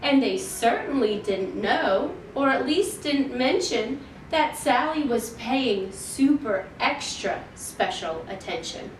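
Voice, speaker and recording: A woman reading a rhyming picture book aloud to young children in a measured, deliberate storytelling manner. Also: lively intonation. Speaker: children's library storytime reader. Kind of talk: expressive picture-book read-aloud in rhyme. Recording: roomy, distant mic, faint noise and rumble.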